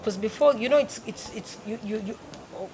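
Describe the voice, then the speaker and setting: A woman's voice: a little high, fairly quick. A woman, a musician chatting as a guest in an interview, who repeats words for emphasis. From Uganda. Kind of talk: casual interview chat. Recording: loud crowd in background. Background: crowd noise.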